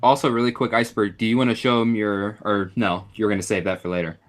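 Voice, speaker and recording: A man co-hosting a casual podcast, talking excitably with many restarts. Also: lowish voice, fast talker. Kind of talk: casual chat.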